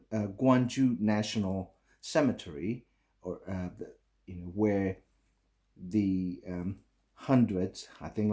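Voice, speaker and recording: A middle-aged man from Burma with a Burmese accent, giving a recorded conference talk in halting English full of fillers and restarts. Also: on the low side, a little mellow. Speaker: conference speaker.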